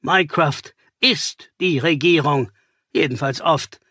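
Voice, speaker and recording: A male narrator voicing a calm, superior detective in an audiobook, slow and measured with a husky tone. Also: on the high side, dry recording, clean studio sound.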